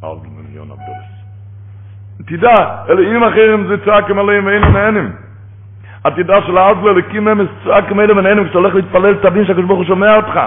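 High-pitched fervent preacher on tinny radio. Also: male voice, lively intonation. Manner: fervent, rising to emphatic cries. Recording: tinny phone-line radio broadcast.

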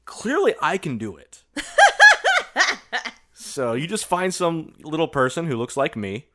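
A playful podcast co-host talks in casual banter. The delivery is animated, with pitch that swings widely, and has a jokey tone throughout. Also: normal speed, slight background noise. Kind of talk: casual banter, doing comic impressions.

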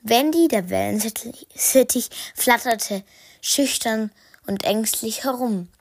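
A woman reading a children's story aloud, slowly and haltingly, correcting herself and sometimes whispering. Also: on the high side, no room sound. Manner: slow, halting, self-correcting, partly whispered.

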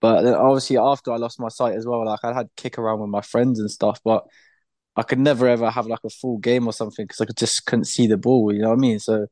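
A young man with a British accent, chatting casually as a podcast guest, relaxed, with easy laughs and loose fillers. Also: mid-range voice, fast talker, dry recording. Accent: British English. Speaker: podcast guest, blind footballer. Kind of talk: casual interview chat.

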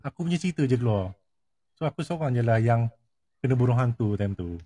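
A man telling a ghost story in casual chat. He repeats key phrases and drops into hushed tones at tense moments. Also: medium pitch, lively intonation, a little fast, breathy edge, no room sound.

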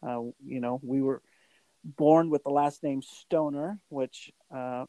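A man's voice: mid-range voice, fairly even intonation, takes it slowly, mellow, no echo, rough recording. A man in his forties co-hosting a podcast, talking reflectively with many fillers and restarts. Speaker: podcast co-host. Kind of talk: casual podcast chat.

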